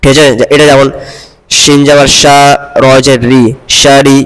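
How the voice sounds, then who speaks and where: A man's voice: mid-range voice, completely flat delivery, a bit bright, smooth. Patient man teaching letters, echoing. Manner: patient, corrective, repeats syllables slowly. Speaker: Quran recitation teacher. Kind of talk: one-on-one reading lesson.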